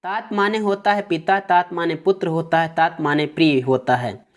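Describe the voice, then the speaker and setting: A woman's voice: fairly low pitch, fairly even intonation, moderate pace. A woman teacher who reads a verse aloud and then explains it line by line in plain words. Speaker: Hindi teacher.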